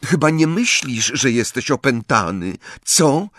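A man voicing a clever, bossy teenage girl witch who talks briskly and impatiently. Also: mid-range voice, big pitch swings, a bit bright, no room sound, studio quality, voice pushed up. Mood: worried, coaxing.

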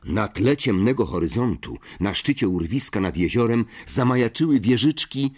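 A male audiobook narrator with a fairly low, husky voice. He reads expressively, and his pitch rises and falls in a lively way throughout the narration. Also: normal speed. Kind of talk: audiobook reading.

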